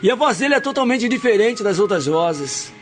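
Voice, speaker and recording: A man preaching a sermon, swinging from hushed, slow passages to loud, high shouts, and reading scripture slowly. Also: very animated, a little hiss or hum. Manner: reads scripture aloud slowly. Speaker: pastor.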